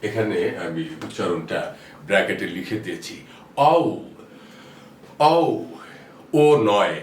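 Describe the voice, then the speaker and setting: Slow-talking guy teaching english letters, repeats stuff, echoey room, mic kinda far off. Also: low-pitched, big pitch swings. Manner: slow, patient explaining with repeated example words. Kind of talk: explaining English letter pronunciation. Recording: roomy echo, distant mic, faint noise.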